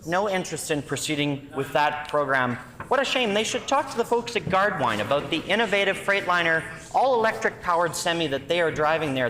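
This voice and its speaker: A man's voice: on the high side, pushed and bright. A man with a Canadian accent giving a combative, critical, emphatic speech as an opposition legislator. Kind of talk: parliamentary debate speech. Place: large indoor legislative chamber. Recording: reverberant legislative chamber.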